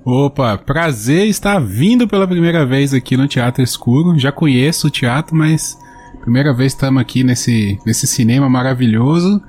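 A man's voice: medium pitch, expressive, normal speed, darkish tone, soft background music. A Brazilian man talking casually as a guest on a podcast. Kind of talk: casual chat.

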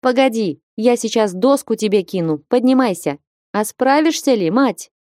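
Woman voicing a loud, hearty young warrior woman. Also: on the high side, lively intonation, normal speed, no echo, studio quality, pitched above the performer's own voice, lightly acted. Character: bold strapping young northern warrior woman.

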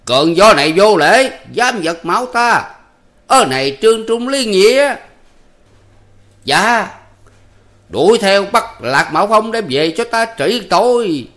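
A man's voice: high voice, big pitch swings, takes it slowly, long pauses, a bit bright, voice pushed up, exaggerated voice. A man voicing an old male theatre troupe manager who is jovial and commanding, with a theatrical, declaiming way of talking. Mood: stagey bellowing. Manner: theatrical, bellowing stage declamation.

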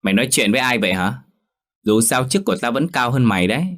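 Một người đàn ông giả giọng cô vợ trẻ kiêu căng, nói chua ngoa, khinh khỉnh. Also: male voice, lowish voice, expressive, fairly quick. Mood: scornful. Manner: sharp, scornful. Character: haughty young woman, arrogant singer-wife.

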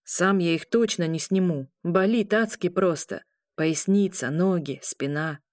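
A woman's voice: on the low side, a little slow, darkish tone, dry recording, clean studio sound, natural voice. A woman voicing an injured, cocky young man who groans and complains of pain.

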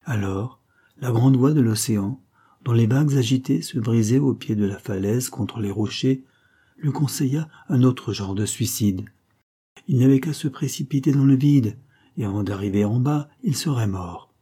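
A man narrating a classic novel as an audiobook, in a measured, dramatic storytelling manner. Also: mid-range voice, dark tone, slightly rough. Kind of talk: scripted literary narration.

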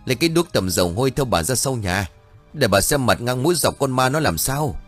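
A man's voice: mid-range voice, expressive, brisk, soft background music, voice pushed up, natural voice. A man voicing a bossy, scolding landlord's wife in an audiobook ghost story, giving orders to servants. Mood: commanding. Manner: commanding, scolding.

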